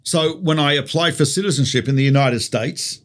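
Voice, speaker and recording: Speaking at a moderate pace in a slightly high voice, an Australian man teaches as a rabbi in a conversational way. He tells stories and asks rhetorical questions.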